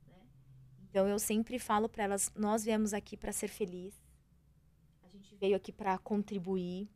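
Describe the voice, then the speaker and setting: A woman coach chatting as a podcast guest, animated and expressive, often acting out her own inner voice. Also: mid-range voice, moderate pace. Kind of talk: casual interview chat.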